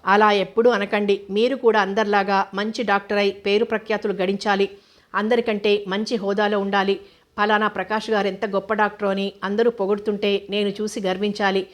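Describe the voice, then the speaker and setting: A woman voicing a lively, shy young bride who teases her husband, with little change from her narrating voice. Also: mid-range voice, brisk, natural voice. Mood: coy. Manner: coy and spirited.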